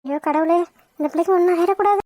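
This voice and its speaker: A woman's voice: very high voice, rapid-fire, a little mellow, dry recording. A woman voicing a fretful cartoon housewife. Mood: worried, caring. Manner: fussing, worried, motherly. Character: caring middle-aged village housewife, anxious. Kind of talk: cartoon voice acting.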